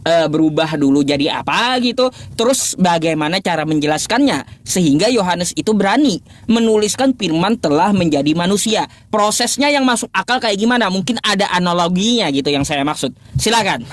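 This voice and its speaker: A man's voice: high-pitched, animated. A man in a live-streamed religious debate, asking mocking, repeated rhetorical questions with laughter and stopping often to fiddle with his laptop. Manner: pauses, restarts and fumbles with his laptop.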